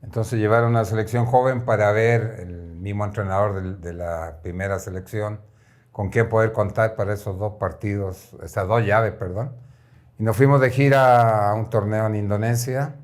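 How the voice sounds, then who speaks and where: A man in his sixties from Chile, a former footballer telling his career story in a relaxed, reflective way with frequent fillers. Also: lowish voice, moderate pace. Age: 60s. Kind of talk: casual interview storytelling.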